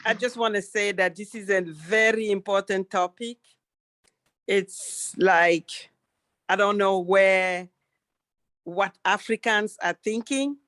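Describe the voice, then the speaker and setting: A woman's voice: medium pitch, fairly even intonation, takes it slowly, fairly bright tone. A woman, an audience member on an online town hall, speaking earnestly and from the heart. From Cameroon. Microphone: video call.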